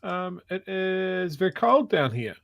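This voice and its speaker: A man's voice: sits high, big pitch swings, measured pace, vocal fry, fairly bright tone. A man with a New Zealand accent co-hosting a podcast with casual, wry, teasing banter. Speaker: podcast co-host.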